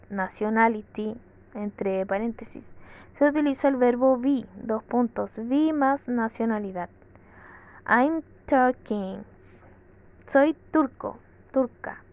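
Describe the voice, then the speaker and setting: Slow, careful woman, voice a touch high, reading and translating an English lesson. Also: phone-quality sound. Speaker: English teacher.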